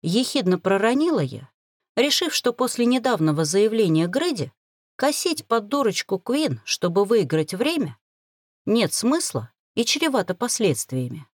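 Expressive woman reading a novel aloud. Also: medium pitch, unhurried, no echo, clean studio sound. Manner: expressive, dramatic. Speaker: audiobook narrator. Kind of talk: first-person novel reading.

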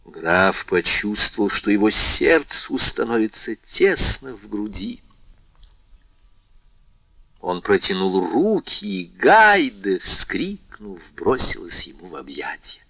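A man narrating an audiobook, reading in an expressive and unhurried literary way. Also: lowish voice, creaky, no room sound. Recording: dull, dry lo-fi recording.

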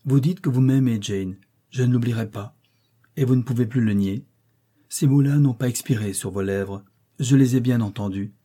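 Man reading as brooding wealthy gentleman, ardent, restless, pleading and commanding, very dark husky voice. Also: medium pitch, moderate pace, close to an everyday voice. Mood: tender. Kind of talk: audiobook reading of a classic novel.

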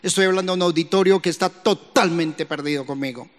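Man, fervent pastor preaching a sermon, raised pitch, reverberant church hall. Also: quick pace. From Colombia. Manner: fervent preaching that acts out quoted voices. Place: church sanctuary.

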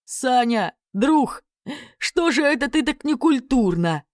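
A fawning two-headed serpent from a fairy-tale storybook rambles on in a pitched-up, wheedling voice, as a woman reader puts him on. He is self-pitying and overfamiliar. The sound is dry and close. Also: animated, takes it slowly, darkish tone, no room sound. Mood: fawning, reproachful.

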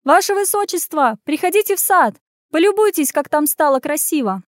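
A woman voicing a cunning young heroine who plays a cranky village granny, loud, mocking and bossy. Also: high-pitched, lively intonation, moderate pace, no room sound, studio quality, voice pushed up.

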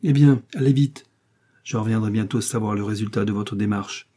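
Brief: male reader as a scheming cloaked stranger, commanding, low and dark-toned. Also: moderate pace, husky. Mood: scornful.

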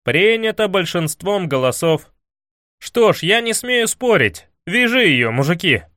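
A man's voice: sits high, big pitch swings, a little slow, sharp tone, no room sound, clean studio sound, full character voice. A man voicing a cheeky young fool hero. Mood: bossy.

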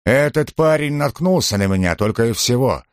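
A man voicing a boastful, brawny drunken gladiator who booms and blusters in an audiobook. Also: animated, normal speed, no room sound, clean studio sound, lightly acted. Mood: defiant. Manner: booming and blustering.

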